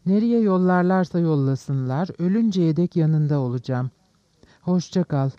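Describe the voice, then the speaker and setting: A tearful, devoted young woman speaks tenderly, as a man reads her aloud. The tone is dark and mellow. The recording is dry and somewhat dull. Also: a little high, normal speed, dry recording, lightly acted.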